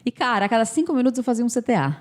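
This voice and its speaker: A woman's voice: a little high, big pitch swings, racing, darkish tone. A Brazilian woman hosting a podcast, talking casually with lots of slang fillers. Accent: Brazilian Portuguese. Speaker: podcast host.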